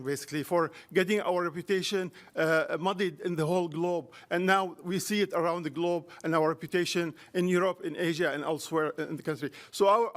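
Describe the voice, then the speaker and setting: Halting man speaking at a council podium. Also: high voice. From Syria. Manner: halting, many fillers and restarts. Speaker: public commenter. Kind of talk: public comment at a council meeting. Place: city council chamber.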